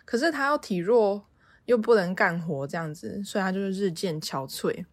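A woman's voice: mid-range voice, lively intonation, normal speed, no room sound. A woman with a Taiwanese Mandarin accent hosting a podcast, casually retelling a story in a chatty way with many filler particles. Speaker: podcast host.

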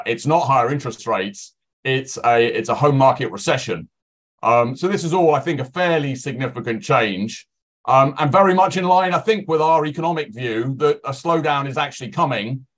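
Man, medium pitch, analyst guest, conversational market commentary. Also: a bit bright.

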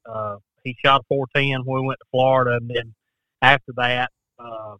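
A man's voice: mid-range voice, fairly even intonation, moderate pace, bright, forceful tone, no echo, low-quality recording. A middle-aged man chatting casually as a podcast guest, with folksy phrasing. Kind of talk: casual chat.

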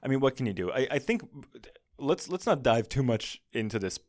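A man's voice: mid-range voice, very animated, brisk, dry recording. A man co-hosting a podcast, chatting casually with a dry, wry manner and reading old archive clips aloud. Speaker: podcast co-host.

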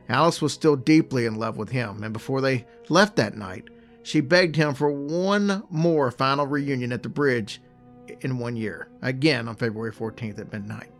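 Guy telling a spooky story easy and chatty, mid pitch, faint music under it. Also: fairly bright tone. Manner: chatty, laid-back, jokey asides. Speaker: podcast co-host telling a ghost story. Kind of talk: casual storytelling.

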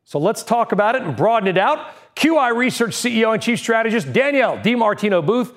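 A man hosting an evening business news show, brisk and punchy with a conversational touch. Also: high voice, very animated. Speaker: TV news host.

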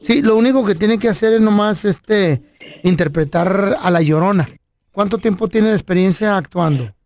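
A man hosting a radio comedy show, making a prank phone call in a deadpan, mock-businesslike manner. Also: high-pitched, normal speed, no room sound. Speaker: radio prank caller and host.

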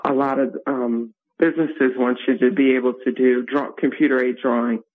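A middle-aged woman calling in to a radio advice show over the phone, speaking hesitantly with many pauses and ums. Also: extremely low pitch, steady tone. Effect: heard over a phone line on a radio show. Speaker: caller to a call-in advice show. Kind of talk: phone-in call. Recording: tinny phone line.

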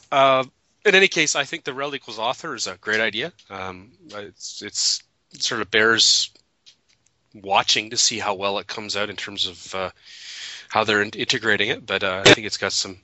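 A man with a cold and a fading voice hosts a casual web radio chat, rambling and restarting his sentences. His tone is piercingly bright and tense. The audio is dry and muffled, like lo-fi internet radio. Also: lowish voice, normal speed, no room sound. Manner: rambling, self-correcting, chuckling. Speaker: podcast co-host.

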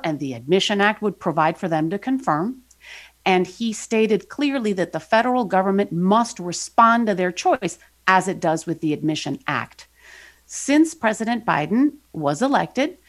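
A woman speaking as an expert guest, giving explanatory interview answers in an emphatic, measured way. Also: medium pitch. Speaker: law professor, expert guest.

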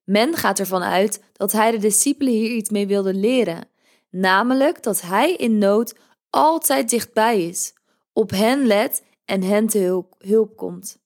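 A woman hosting a podcast, reading a devotional in a gentle, measured way. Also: medium pitch. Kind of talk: calm scripted devotional reading.

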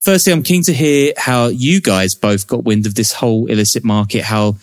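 A man's voice: medium pitch, moderate pace, no room sound, clean studio sound. A man hosting a podcast, moving between scripted narration and introductions. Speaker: podcast host, journalist.

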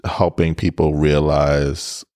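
A man's voice: very deep voice, level tone, slow pace, darkish tone, no room sound, studio quality. A man co-hosting a podcast, chatting casually and laid-back, sometimes hesitant and restarting his sentences. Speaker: podcast co-host. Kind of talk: casual chat.

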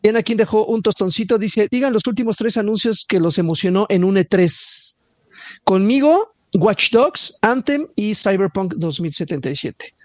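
Mexican guy w high voice, super dry sound, casually reading chat comments, slangy co-host. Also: lively intonation, moderate pace, dry recording. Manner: informal, slangy. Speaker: show co-host.

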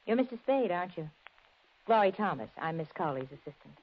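An actress playing a brisk assistant at a girls' school in a 1940s radio drama. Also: fairly low pitch, very animated. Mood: polite. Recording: dull, noisy vintage radio recording.

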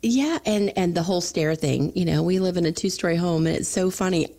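A middle-aged woman from Florida, a financial advisor talking casually on a radio show, chatty with quick asides. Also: fairly low pitch, mellow.

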